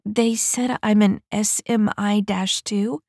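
A woman's voice: mid-range voice, fairly even intonation, slow, gravelly, darkish tone, dry recording, clean studio sound, pitched above the performer's own voice. A woman voicing a nervous young female mech recruit who stammers in a wavering voice, in an audiobook.

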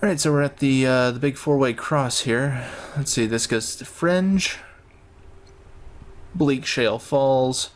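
A man's voice: mid-range voice, animated, normal speed, hardly any pauses. A man giving casual gameplay commentary, thinking aloud in a rambling way. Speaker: gamer narrating his own play.

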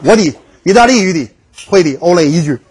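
A man's voice: high voice, expressive, brisk, darkish tone, a faint crowd, a little hiss or hum. A man giving a history lecture to a class, telling stories with jokes and acting out the dialogues. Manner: storytelling, jokey, acts out dialogues.

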